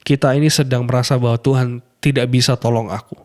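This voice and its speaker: A male pastor preaching a sermon in an earnest way, stretching key phrases slowly and often turning to address his listeners directly. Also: mid-range voice, fairly even intonation, a little mellow. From Indonesia. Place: radio program.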